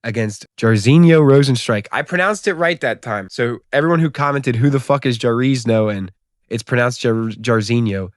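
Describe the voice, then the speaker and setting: A man's voice: mid-range voice, lively intonation, brisk, no echo, studio quality. Profane, joking young man recapping fights. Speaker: YouTube MMA commentator. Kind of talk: casual comedic recap.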